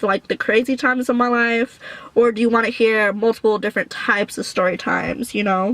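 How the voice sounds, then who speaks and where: A woman's voice: on the high side, fairly bright tone, no room sound, low-quality recording. A woman vlogger chatting casually to her viewers in an informal, rambling, slangy way. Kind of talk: casual chit-chat to viewers, answering questions.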